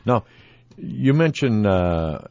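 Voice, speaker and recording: A man's voice: on the low side, sing-song, takes it slowly, darkish tone, dry recording. A man interviewing a guest in a friendly, encouraging conversational way. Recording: dull, dry lo-fi recording.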